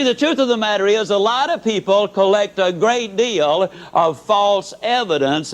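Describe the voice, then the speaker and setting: An older man giving a motivational speech in a folksy, emphatic storytelling manner. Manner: folksy, emphatic storyteller with dramatic pitch swings. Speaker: motivational speaker.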